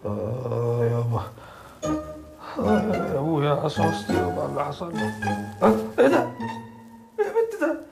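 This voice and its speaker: Man doing a moaning possessed Egyptian guy, wild swoops, gravelly, loud music. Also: on the high side, big pitch swings, a little fast, long pauses. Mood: wailing. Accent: Egyptian Arabic. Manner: wailing, melodramatic.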